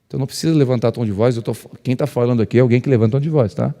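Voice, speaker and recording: A male pastor, telling stories to couples. He speaks loudly by nature, acts out dialogue and jokes with the crowd. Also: medium pitch, racing. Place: church hall. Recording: long reverb of a church hall.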